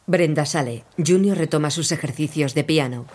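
A narrator reading scripted audio description in an even, neutral voice. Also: mid-range voice, normal speed, a little hiss or hum.

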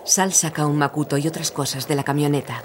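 A narrator reading scripted audio description in an even, neutral voice. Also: medium pitch, brisk, background noise.

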